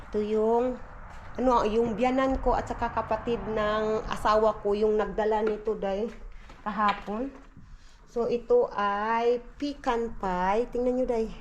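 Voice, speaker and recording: A woman's voice: on the high side, little pitch movement, measured pace, dull audio, a little hiss or hum. A woman with a Filipino accent, chatting casually to her viewers at home and cooing at a small child. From Philippines. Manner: chatty, calls viewers "Day", coos baby talk. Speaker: family vlogger. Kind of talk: casual vlog chat. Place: home, indoors.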